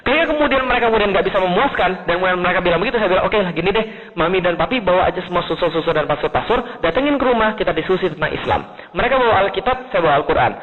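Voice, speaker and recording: Fast-talking guy preaching to a crowd, high voice, tinny phone-like sound with long hall echo. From Indonesia. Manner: animated, swings between high emphatic and low asides; asks the audience rhetorical questions. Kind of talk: Islamic lecture to an audience. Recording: tinny lo-fi recording in a large hall.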